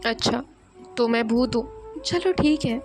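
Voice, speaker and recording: A woman's voice: a little high, measured pace, a little mellow, soft background music, natural voice. A woman voicing a playful young college woman who teases the girl she likes, in a storybook romance. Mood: teasing. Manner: teasing, playful. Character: playful young woman, teasing her crush.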